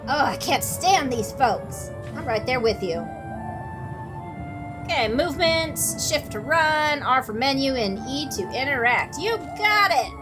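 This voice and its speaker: A woman's voice: high voice, expressive, measured pace, over music. Sarcastic swearing woman playing a game. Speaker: gameplay commentator. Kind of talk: casual let's-play commentary.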